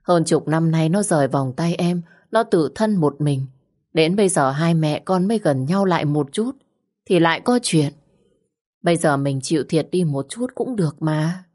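A woman voicing a calm older father who gives measured, soothing advice. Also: low voice.

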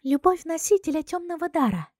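A woman voicing a sly, self-satisfied young princess in an audiobook, who speaks softly and airily. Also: sits high, moderate pace, no echo, studio quality, voice pushed up, lightly acted. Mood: smug. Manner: soft, airy, self-satisfied.

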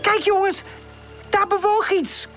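A woman voicing a small, impatient boy puppy in a children's audiobook, squeaky high and excited. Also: slow, faint music behind, heavily acted.

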